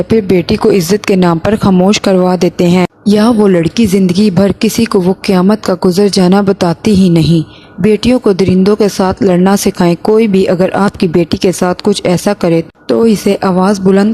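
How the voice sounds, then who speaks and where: A woman narrating a moral story in a steady, earnest manner. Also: mid-range voice.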